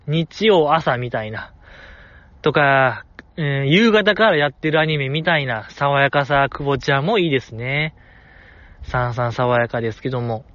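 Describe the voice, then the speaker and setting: Standing outside in the cold, a man speaking Kansai Japanese gives an informal one-man review of voice performances, acting out the quotes with playful flair. His pitch is medium, his speed normal, and his tone a bit bright. The lo-fi recording has no room sound.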